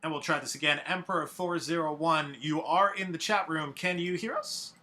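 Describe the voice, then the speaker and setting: A man hosting a live online showcase, upbeat and brisk like an announcer. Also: fairly high pitch, pushed and bright. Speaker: showcase host.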